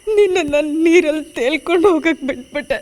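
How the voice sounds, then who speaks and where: A woman's voice: high-pitched, a little fast, a little mellow, soft background music, lightly acted. An actress playing a grieving mother who tearfully begs her lost son for forgiveness, with a Kannada accent. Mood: weeping. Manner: tearful, pleading, soothing. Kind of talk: TV serial drama acting.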